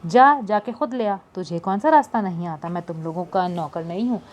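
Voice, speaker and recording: A woman's voice: mid-range voice, brisk, dark tone, slight background noise, natural voice. A woman voicing a resentful young man who talks back defiantly in an audiobook. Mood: angry. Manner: defiant, scornful.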